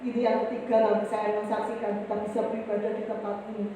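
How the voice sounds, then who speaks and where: A middle-aged woman pastor giving a sermon with personal testimony, addressing the congregation directly and rising high and loud when she quotes her own prayers. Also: little pitch movement, racing, a little hiss or hum. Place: church hall. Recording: echoey church hall, mic at a distance.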